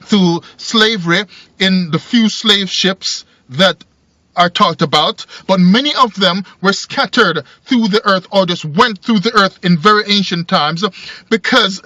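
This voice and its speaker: A high-voiced man at a measured pace, sharp in tone, muses aloud to camera inside a parked car. The video commentator is in his forties, grew up in Jamaica, and rambles and repeats himself in this casual monologue. A phone or camera on the dashboard gives dull lo-fi audio, echo-free.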